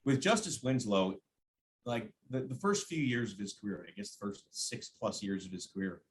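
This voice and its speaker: With a fairly low, expressive voice at normal speed, a radio play-by-play announcer talks basketball as a podcast guest. The chat is casual and animated; he stresses points by repeating phrases and voices quotes he imagines. Slight background noise is present.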